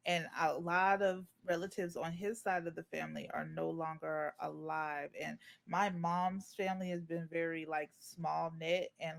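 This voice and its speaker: Man, slightly raised pitch, earnest, easygoing podcast chat, fillers. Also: creaky, a bit bright. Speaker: podcast guest. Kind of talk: casual chat.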